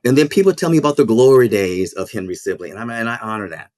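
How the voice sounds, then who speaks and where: A school principal who is also a minister speaks in a podcast interview, his low voice animated and a little mellow. He is earnest and reflective, halting and repeating words as he thinks. The studio sound is clean, with no echo.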